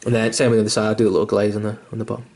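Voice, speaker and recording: Slight background noise sits behind a young man who talks rapid-fire in a low, somewhat mellow, flat voice. It's a casual miniature painting tutorial, a little rambling, full of fillers, restarts and occasional swearing, delivered in a mildly self-deprecating way while he hiccups.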